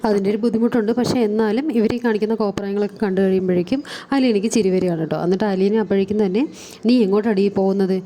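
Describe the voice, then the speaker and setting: A woman recounts a TV serial's plot in a quick, chatty stream, her words tumbling out fast. Her tone is mellow and soft-edged, and her talk is loose and casual, sprinkled with fillers and tag words. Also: mid-range voice, fairly even intonation. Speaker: serial review vlogger.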